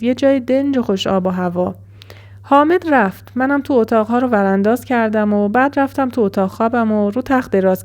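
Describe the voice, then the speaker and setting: Woman telling a horror story. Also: a little high. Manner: even, measured first-person storytelling. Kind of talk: scripted horror story narration.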